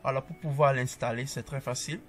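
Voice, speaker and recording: A man giving a casual coding tutorial, calmly talking through each step as he types and tossing in upbeat asides to the viewer. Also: mid-range voice, a little fast, faint music behind.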